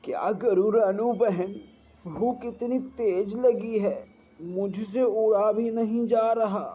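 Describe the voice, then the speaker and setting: A man's voice: high voice, steady tone, takes it slowly, breathy edge, voice pushed up, exaggerated voice. A man doing a weak hungry crow. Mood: weary. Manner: weary, complaining. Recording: dull lo-fi.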